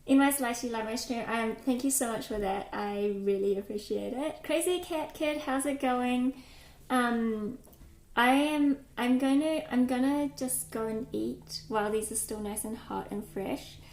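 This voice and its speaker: A woman streamer with a fairly high voice talks loosely and a bit scattered, greeting her viewers one by one. Her voice rings in an echoey home kitchen. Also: measured pace, a little mellow. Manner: chatty, greets viewers by name, scattered and distracted. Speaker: live streamer. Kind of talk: casual live-stream chat.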